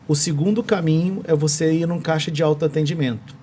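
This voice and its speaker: A man's voice: fairly high pitch, steady tone, brisk, dark tone, a little hiss or hum. A man with a Brazilian accent explaining technology as a podcast guest in a studio, restarting phrases as he searches for words. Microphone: studio microphone.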